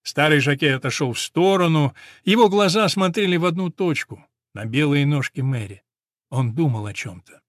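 Expressive male audiobook narrator. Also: on the high side, normal speed, dry recording, clean studio sound. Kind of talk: audiobook reading of a story.

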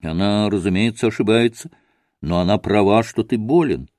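A man reading an audiobook, voicing a gentle, timid younger brother who speaks softly and pleadingly. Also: fairly low pitch, normal speed, dry recording, studio quality, natural voice. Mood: earnest. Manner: soft and pleading.

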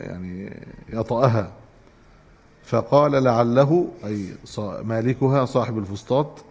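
A man with an Egyptian Arabic accent giving a religious lesson, reading a text aloud and explaining it in a measured way. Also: medium pitch, a little mellow, in a large hall. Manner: measured, explanatory, restarts to correct himself. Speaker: Islamic scholar teaching hadith.

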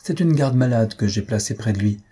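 A man voicing a calm doctor who quietly reassures the family about his patient. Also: lowish voice, slightly rough. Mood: reassuring. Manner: measured, reassuring.

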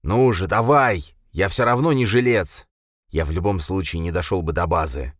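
A man voicing a gentle old male scientist, hoarse and often whispering. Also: low voice, moderate pace, no echo, studio quality. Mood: urgent. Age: older.

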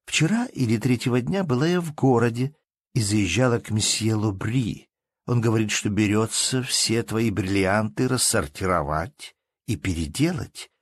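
A man voicing a playful, elegant young baroness who chatters briskly, in a read-aloud story. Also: lowish voice, dry recording, natural voice.

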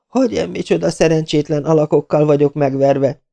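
A man putting on a shrill, furious bossy woman. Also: very animated, dark tone, dull audio. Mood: shrieking furious. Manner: shrieking, contemptuous. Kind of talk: audiobook character reading.

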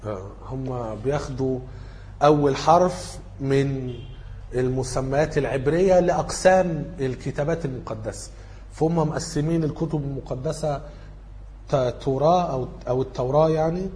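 A man's voice: medium pitch, moderate pace, dark tone. A man with an Egyptian Arabic accent giving an informal lecture, working through study questions and thinking aloud as he corrects himself.

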